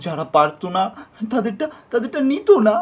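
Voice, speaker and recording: A woman voicing an excitable, cheeky young student in a cartoon comedy skit, with theatrical, whining repetition. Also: mid-range voice, fairly quick, a crowd in the background, lightly acted. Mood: melodramatic, aggrieved.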